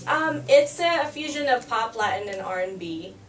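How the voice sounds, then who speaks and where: A young Peruvian singer-songwriter chats in a casual interview, laughing often and using many fillers and restarts. Her voice is fairly high and expressive at a normal speed. The mic is distant, the sound roomy, and a crowd and faint ambience can be heard in the background.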